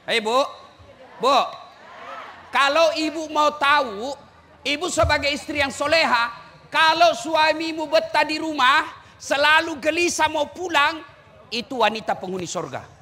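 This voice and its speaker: A man preaching a lively sermon, teasing and shouting at the crowd. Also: very high-pitched, unhurried. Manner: teasing, shouting and singing to the audience. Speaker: Islamic preacher. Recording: echoey hall with faint ambience.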